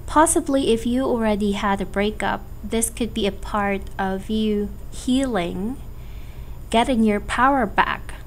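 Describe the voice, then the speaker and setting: A woman with a cold and a cracking voice, giving a casual tarot forecast in a halting, hesitant way. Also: medium pitch, slight background noise. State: has a cold. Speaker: tarot reader.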